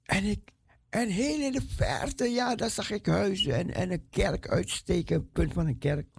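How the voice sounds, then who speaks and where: A man giving a personal testimony as an animated story. He repeats words for emphasis and acts out the voices of the people he met. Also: high-pitched, measured pace, creaky, husky, no room sound.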